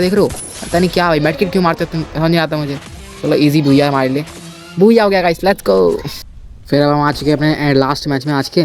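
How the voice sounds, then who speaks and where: A man giving casual, chatty voice-over commentary on his own shooter match, playful and self-mocking, talking straight to his viewers. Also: fairly high pitch. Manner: chatty, keeps addressing viewers as brother. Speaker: gameplay commentator.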